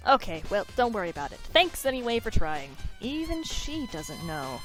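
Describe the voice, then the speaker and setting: Young woman, let's play host, lively up-and-down delivery, giggly, faint music under her. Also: on the high side, normal speed. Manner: giggly, animated, reads narration and dialogue aloud. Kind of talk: casual game playthrough with dialogue reading.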